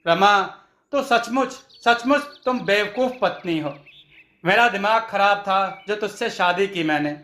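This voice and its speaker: A frustrated young husband, as a man acts him out, exasperated with his wife. The voice is high and sharp, and the recording is echoey. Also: unhurried. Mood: angry. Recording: echoey room.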